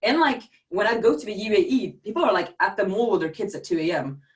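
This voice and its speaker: A young woman from Sweden, a podcast guest in casual chat, quick and chatty and laughing often. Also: medium pitch, expressive, distant mic.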